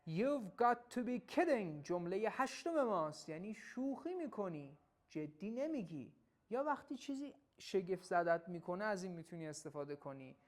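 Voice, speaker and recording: A woman teaching everyday English phrases in a casual lesson, saying each phrase slowly and then explaining it quickly. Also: medium pitch, expressive. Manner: praises the listener warmly when coaching them to repeat.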